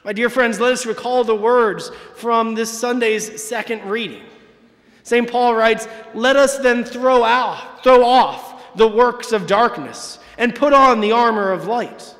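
A man in his thirties, a parish priest, preaching a Sunday homily from the pulpit with emphatic pauses. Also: extremely high pitch, a bit bright. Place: large church, from the pulpit. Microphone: far camera, church sound system. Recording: long church reverb.

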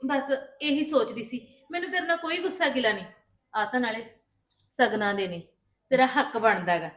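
Patient daughter-in-law played by a woman, Punjabi accent, high voice, calm and reassuring, echoey room. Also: normal speed, lightly acted. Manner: calm, reassuring, explaining at length. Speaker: daughter-in-law in a family drama. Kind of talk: scripted family drama acting.

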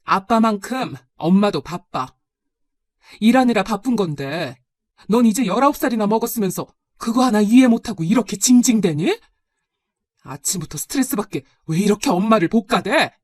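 A woman's voice: medium pitch, lively intonation, normal speed, dry recording, studio quality, natural voice. A woman voicing a busy, defensive working mother in a told story, with a scolding, indignant manner. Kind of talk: storybook narration.

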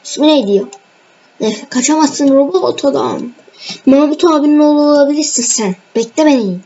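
Young girl chatting over her game, kinda high voice, dull lo-fi mic w/ a little hiss. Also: lively intonation, moderate pace, dark tone. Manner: chatty, teasing, addresses viewers directly. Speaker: gaming channel host. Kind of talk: casual gameplay commentary. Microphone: screen-recorded voice mic. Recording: dull lo-fi home mic with faint noise.

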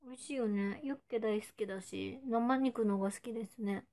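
Young female idol, twenties, slightly high voice, playful livestream chatter, drops into whispers now and then. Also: brisk, warm tone. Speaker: idol streaming to fans. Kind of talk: casual livestream chat reading viewer comments.

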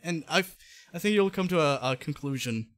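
A man's voice: fairly high pitch, lively intonation, fairly quick, a bit bright, no echo. A man co-hosting a podcast in casual chat, rambling with dry sarcasm.

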